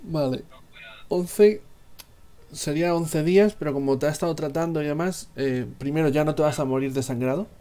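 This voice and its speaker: Brief: young male game master, accent from Spain, slightly high voice, halting improvised narration. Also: warm tone. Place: small indoor room at home.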